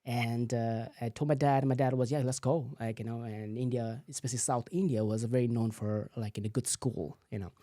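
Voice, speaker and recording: A man's voice: medium pitch, fairly even intonation, brisk, few pauses, mellow, no echo, clean studio sound. A man, a physical therapist telling his story as a guest, full of "you know" fillers. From Nepal. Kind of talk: casual interview answers.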